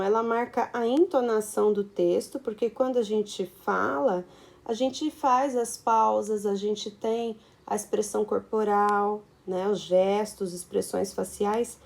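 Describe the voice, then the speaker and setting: Gravelly Brazilian woman teaching a lesson. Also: medium pitch, darkish tone. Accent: Brazilian Portuguese. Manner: explanatory, frequent tag questions and fillers. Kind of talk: video lesson.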